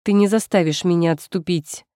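A woman's voice: fairly low pitch, fairly even intonation, brisk, dry recording, clean studio sound, natural voice. A woman voicing a fierce, defiant young heroine in a first-person story, speaking with barely held fury. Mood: furious. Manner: furious, forceful.

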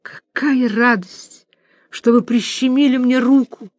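A woman voicing a timid, lovestruck male professor who speaks softly and slowly, with breathless adoration. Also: very high voice, steady tone, no room sound, studio quality, voice pushed up, exaggerated voice. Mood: adoring. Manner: soft-spoken, drawn-out, breathless adoration.

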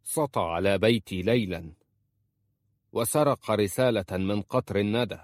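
A man's voice: lowish voice, moderate pace, no echo, studio quality, lightly acted. A man voicing a pleading young wife. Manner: pleading, earnest.

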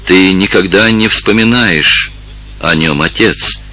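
In an audiobook, a man with a low voice and slow pace gives a full character performance as a village elder's daughter, a kind and earnest young woman. He sounds warm, earnest, concerned and emotional.

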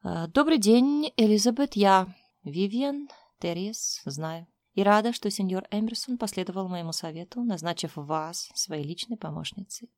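A woman's voice: medium pitch, animated, moderate pace, a little mellow, no room sound, studio quality, natural voice. A woman voicing a self-assured, secretive businesswoman in an audiobook.

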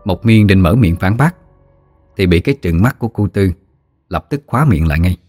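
Low-voiced storyteller. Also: male voice, lively intonation, moderate pace, darkish tone, slightly rough, no echo, soft background music. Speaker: audiobook narrator. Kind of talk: scripted ghost story narration.

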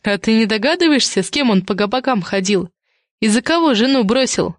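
A woman reading an audiobook and voicing a sharp-tongued, mocking woman who interrogates others. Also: on the high side, lively intonation, fairly quick, no room sound, clean studio sound, close to an everyday voice. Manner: snorting, sarcastic, interrogating.

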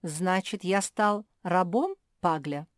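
Formal, gallant male pug, voiced by a woman, slow and measured. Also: lowish voice, dry recording, clean studio sound. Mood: thoughtful. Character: courtly, learned male pug dog.

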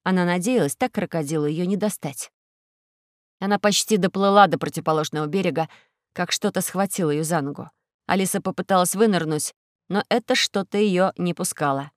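A woman narrating a children's audiobook in a steady, clear storytelling voice. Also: fairly low pitch, a little fast, no room sound, clean studio sound.

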